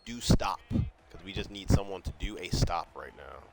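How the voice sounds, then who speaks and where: Profane excitable man streaming a game. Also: deep voice, normal speed, gravelly, faint music behind. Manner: profane, excitable, talks to himself while playing. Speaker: gaming streamer. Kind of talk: live gameplay commentary.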